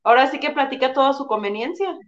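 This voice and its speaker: A woman co-hosting a casual live-stream talk, adding short soft remarks. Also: sits high, animated, fast, lo-fi sound. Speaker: co-host.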